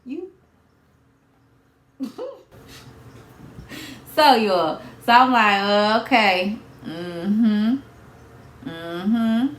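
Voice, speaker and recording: A young woman, telling a casual storytime vlog with lively, animated delivery and frequent laughs. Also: mid-range voice, drawn-out words, long pauses. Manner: animated storytelling, acts out quotes, laughs often. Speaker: vlogger. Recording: echoey room, faint background noise.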